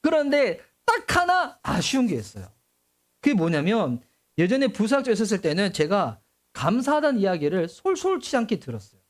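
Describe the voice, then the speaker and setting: A middle-aged man preaching a sermon as pastor, animated and acting out voices and exclamations. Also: high-pitched, normal speed.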